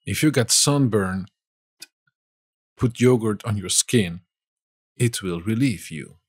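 A man from Spain with a Spanish accent, teaching vocabulary in a slow lesson and saying each word twice. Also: lowish voice, lively intonation, slightly rough, dry recording, clean studio sound.

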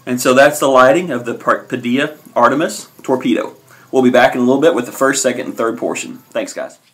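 Male vlog reviewer, thirties, average pitch, laid-back and halting delivery, speaking casually to a camera at arm's length. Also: a bit bright. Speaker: cigar reviewer, host.

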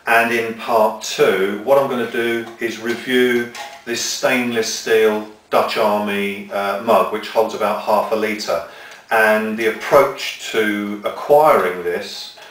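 Methodical and hands-on, a middle-aged man shows off outdoor cooking equipment laid out on a table in a small room, walking through it step by step. His lowish voice has a bit of brightness, and the mic is set back, leaving an echoey sound.

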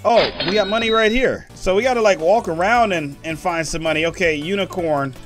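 A high-pitched young man chats through his gameplay in a quick, joking way, cracking jokes and talking straight to his viewers. Faint game music plays softly under his voice. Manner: excitable, joking, addresses viewers. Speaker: gaming channel host. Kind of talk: casual gameplay commentary.

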